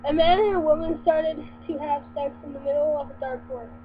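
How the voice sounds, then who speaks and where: A young woman reading dirty jokes aloud in a halting, giggly way, on a lo-fi home recording with hum. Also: high voice, steady tone.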